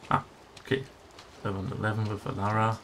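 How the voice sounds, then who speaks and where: A man giving casual gameplay commentary, haltingly thinking aloud as he goes. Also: on the low side, steady tone, a bit bright, a little hiss or hum. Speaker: video game player giving commentary.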